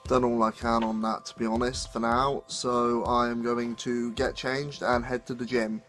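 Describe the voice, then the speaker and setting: A man's voice: medium pitch, flat delivery, normal speed, fairly bright tone, faint music behind. A young adult man, a student vlogger, talking casually to camera in a dry, self-deprecating way with bits of slang. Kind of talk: casual vlog talk to camera.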